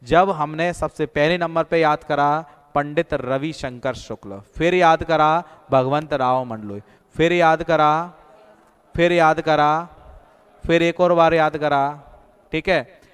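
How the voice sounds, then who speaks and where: A man teaches an online exam-prep class. He drills names through little stories and repetition. His voice is smooth and slightly high, with a long echo from the room. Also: slow pace. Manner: storytelling, repetitive memory drills. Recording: echoey room with long reverb.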